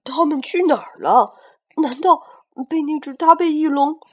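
Woman voicing a storybook tyrannosaurus: fierce, protective, loud and heartfelt, pitched fairly high. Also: a little slow. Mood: urgent. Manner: loud, heartfelt dialogue reading. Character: fierce but tender male tyrannosaurus. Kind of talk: reading a picture book aloud.

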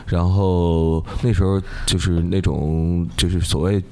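A man with a Beijing accent co-hosting a casual podcast, talking in slangy, sweary, halting bursts that repeat words. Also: sits low, flat delivery, a little mellow. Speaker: podcast co-host.

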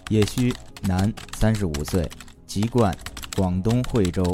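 Low-voiced Beijing man, wry comic narrator. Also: lively intonation, unhurried, over loud music. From Beijing, China. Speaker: comic storyteller. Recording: clear background noise with keyboard clicks.

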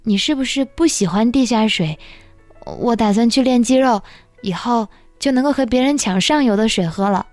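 A woman's voice: fairly high pitch, normal speed, darkish tone, dry recording, faint music behind, lightly acted. A woman voicing a clumsy, devoted male monkey who speaks earnestly and eagerly.

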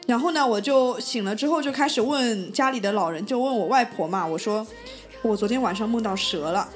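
A woman from Wenzhou hosts a casual podcast conversation. Her voice sits a little high, and she muses aloud while drawing the others into the talk. Soft music plays faintly behind her. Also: fairly quick. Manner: reflective storyteller who poses questions to the group. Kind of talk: casual chat.

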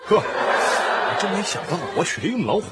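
Playful teasing husband, kinda high voice, bouncy, hissy tv sound. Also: male voice, big pitch swings, fairly quick. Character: joking easygoing husband who cooks dinner. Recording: noisy TV sitcom soundtrack.

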